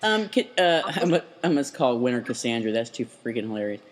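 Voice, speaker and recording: A woman's voice: very deep voice, very animated, brisk. Teasing woman cohost, voice jumps all over, lots of exclaiming. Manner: teasing, exclamatory, laughs a lot. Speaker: podcast co-host. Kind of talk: casual podcast chat.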